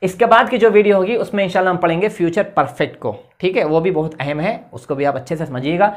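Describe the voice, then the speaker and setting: Brief patient low-voiced woman teaching grammar. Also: quick pace. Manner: patient, repeats "okay" after each step and spells words letter by letter. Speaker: English teacher. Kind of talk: explaining grammar at a board. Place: indoor classroom with a board.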